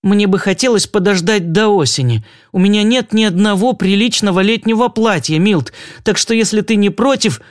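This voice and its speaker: A man voicing a cautious young woman who answers in a hesitant, measured way. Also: high voice, voice pushed up, natural voice.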